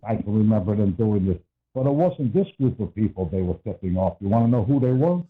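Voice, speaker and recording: A man's voice: fairly low pitch, expressive, quick pace. An older man calling in to a talk radio show over a muffled bluetooth headset phone line, telling a story in a blunt, rambling way. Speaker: caller.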